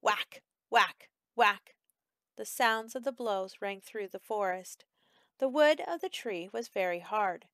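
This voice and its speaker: A woman teacher reading a picture book aloud for her class, expressive and measured. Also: mid-range voice, no echo. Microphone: close home recording.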